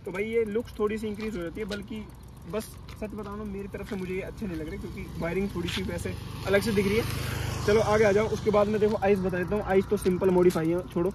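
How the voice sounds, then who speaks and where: Young male bike vlogger, high-pitched and chatty, outdoors with faint street noise behind. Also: little pitch movement, fast. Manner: chatty, addresses viewers as bhai, directs cameraman. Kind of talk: casual vlog walkthrough. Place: outdoors by the roadside at dusk.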